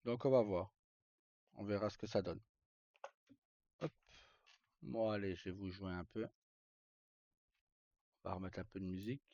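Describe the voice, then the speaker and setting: A man live-streams, chatting casually with viewers and explaining things in an informal, hesitant way that keeps repeating itself. His voice sits fairly low with fairly even intonation, unhurried and mellow, with frequent pauses. The lo-fi stream mic sounds roomy and dull.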